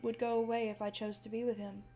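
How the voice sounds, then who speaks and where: A woman's voice: on the high side, flat delivery, fast talker, dark tone, slight background noise, lightly acted. A woman playing a sobbing, remorseful wife. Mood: tearful remorse. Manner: sobbing confession.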